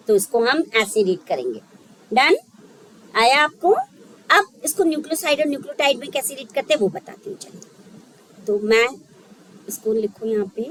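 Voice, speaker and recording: A woman's voice: high voice, fairly bright tone, a little hiss or hum, low-quality recording. A woman teaching a biology lesson for exam preparation, thinking aloud and checking in often with her students. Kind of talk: exam-prep lecture.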